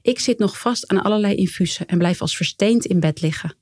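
A woman reading her own memoir aloud in a calm, measured way, quietly voicing the lines of the people in it. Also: medium pitch, no echo, clean studio sound. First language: Dutch. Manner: calm, measured storytelling with quiet quoted dialogue. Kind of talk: first-person memoir reading.

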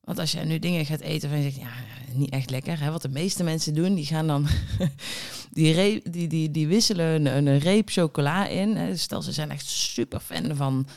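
A woman hosts her own podcast as a diet coach, talking straight to the listener in a loose, chatty monologue. Her voice has a gravelly, fry-tinged edge. She is blunt, swears now and then, and acts out the listener's inner thoughts. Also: low voice, moderate pace, darkish tone. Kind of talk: casual solo podcast monologue.

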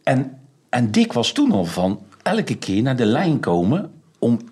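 A lively older man spins a story in casual chat, his pitch swinging up and down. He laughs his way through, animated from line to line. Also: unhurried, husky. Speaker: guest storyteller, former player.

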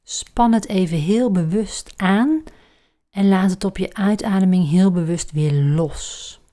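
A woman leading a guided relaxation exercise, speaking calmly and softly and often trailing into breathy near-whispers. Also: medium pitch, slow.

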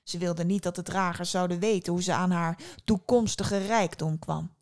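A woman narrating a fairy tale for a podcast, expressive, slowing down and dropping to a hush in tense moments. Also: fairly low pitch. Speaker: storyteller.

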